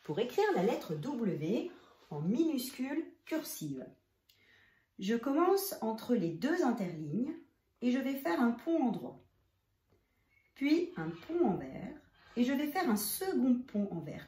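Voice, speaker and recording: A woman's voice: on the high side, sing-song, takes it slowly, warm tone. A woman teaching young children to write a letter, explaining each stroke step by step and speaking directly to the child. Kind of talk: handwriting lesson for young children. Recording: roomy, echoey room.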